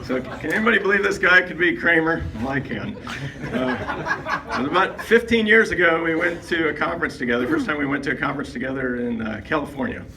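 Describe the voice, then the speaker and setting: A man's voice: a little high, lively intonation, fairly quick, distant mic, a crowd in the background. A man giving a humorous roast speech at a retirement party, a joking storyteller who builds each story up to a punchline.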